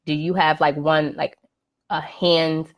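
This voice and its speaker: A woman with a low voice hosts a live podcast from home, speaking slowly and flatly in a casual monologue. She often says "right?" and "um," and a computer or phone mic captures the live video stream.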